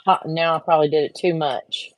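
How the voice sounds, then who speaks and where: This woman talks a little fast in a low voice with fairly even intonation. A craft vlogger, she chats casually to viewers while working on a project, getting frustrated and talking to herself.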